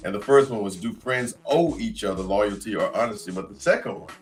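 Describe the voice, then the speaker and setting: Laid-back low-voiced male host. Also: fairly quick, soft background music. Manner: relaxed, conversational, reads out comments. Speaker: podcast host. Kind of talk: casual live-stream talk.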